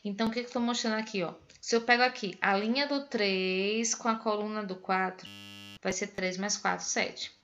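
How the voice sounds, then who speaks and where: A woman with a Pernambuco Brazilian accent teaches math over a video call, patiently counting through each example step by step. Her voice sits in a middle pitch range. The online class audio is dull and lo-fi. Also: fairly even intonation, normal speed, fairly bright tone. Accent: Pernambuco Brazilian Portuguese. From Northeast Brazil.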